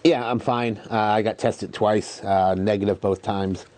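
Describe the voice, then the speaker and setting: Male interview guest: low-pitched, unhurried and hesitant, with a bad coughing fit. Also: fairly even intonation, a little mellow. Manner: hesitant, halting. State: coughing fit, throat clearing. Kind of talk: casual live TV interview.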